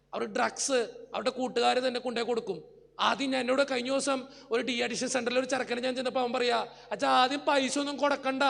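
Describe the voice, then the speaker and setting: A male priest preaching with a very high, heavily gravelly voice, earnest and pleading as he speaks straight to his flock. His words ring out with the long reverb of a church hall. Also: a bit bright. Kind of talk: emotional sermon with personal stories.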